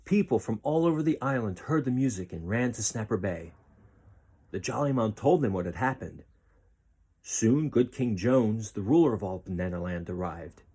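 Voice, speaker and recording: A man with a low, husky voice reads a children's picture book aloud like a storyteller, his phrasing expressive and deliberate.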